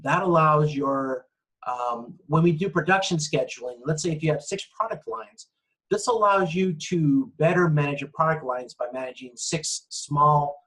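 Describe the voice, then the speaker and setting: Speaking at normal speed in a voice on the high side and a bit bright, a man lectures casually over screen-shared slides online. He explains conversationally and often checks in, and the recording is rough.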